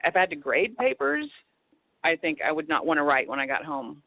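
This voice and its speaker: A woman's voice: low-pitched, sing-song, brisk, no room sound. Woman, author guest, chatty, rambling, restarts, tinny phone line, dry. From Texas. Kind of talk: casual phone interview.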